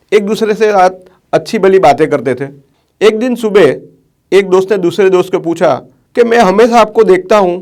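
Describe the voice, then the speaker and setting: A financial life planner tells viewers a story in a chatty, conversational way, speaking Hindi and slipping English phrases in. His voice is on the high side with a darkish tone.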